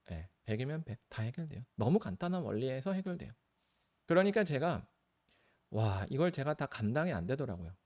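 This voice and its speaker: A man's voice: medium pitch, mellow. A male pastor teaching in a live stream and taking viewers' questions, earnest and pleading, with sudden lifts of stress on key words.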